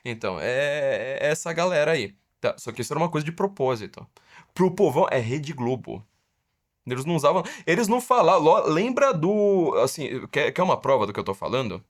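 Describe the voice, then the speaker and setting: Very animated and brisk, this man's voice sits on the high side. He's a middle-aged Brazilian podcast host with a Brazilian Portuguese accent, keeping the show casual and drawing out words in a sarcastic, mocking way to make a point.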